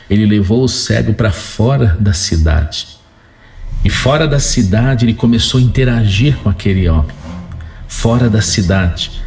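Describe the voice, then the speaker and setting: A man's voice: lowish voice, darkish tone. A Brazilian man preaching a sermon in a didactic way, using rhetorical questions and repeated phrases.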